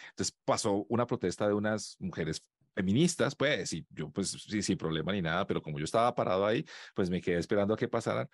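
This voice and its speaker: A young man co-hosting a podcast, telling animated stories and laughing often. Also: on the low side, fast talker, hardly any pauses, no echo, studio quality. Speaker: podcast co-host. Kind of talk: casual podcast chat.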